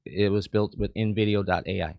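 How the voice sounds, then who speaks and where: Guesting in a casual studio interview, a chamber of commerce president from Cuba talks eagerly and frequently repeats himself. His voice is fairly low, gravelly, and steady at a moderate pace, and the audio is dull with no echo.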